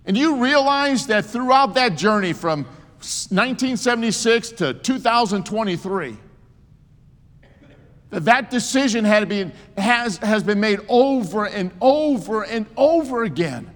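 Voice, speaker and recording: A man's voice: high-pitched, expressive, measured pace, fairly bright tone. A man in his sixties preaching a sermon with emphasis and joking asides. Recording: long hall reverb.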